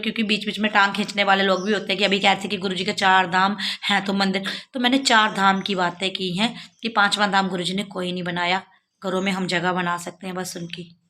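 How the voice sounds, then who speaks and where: Bright-voiced woman vlogging with a sore throat. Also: medium pitch. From Jammu, India. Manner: earnest, pleading, addresses viewers directly. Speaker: devotional vlogger. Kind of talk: casual devotional vlog talk.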